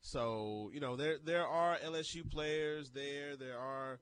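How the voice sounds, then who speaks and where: A man's voice: fairly high pitch, takes it slowly, a bit bright, clear, resonant tone. A man co-hosting a morning sports talk radio show, chatting casually and jokingly with lots of fillers. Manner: jokey, rambling, with many fillers. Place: radio studio.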